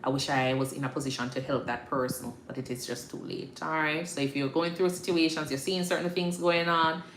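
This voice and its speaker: Her deep voice is steady and fairly quick as she chats informally with livestream followers in a Jamaican accent. A nurse practitioner and host, she often makes sure listeners understand, recorded in an echoey room with faint background noise.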